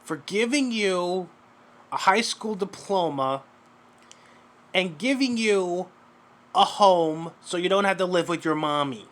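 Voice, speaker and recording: A man's voice: sits high, expressive, takes it slowly, pauses often, a bit bright. A man giving mocking reaction commentary, sarcastic and profane, lecturing the person in a clip.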